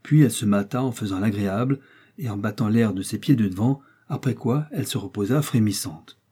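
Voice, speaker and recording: Husky-voiced man narrating a novel. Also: on the low side, a little fast, dark tone. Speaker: audiobook narrator. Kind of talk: first-person scripted narration.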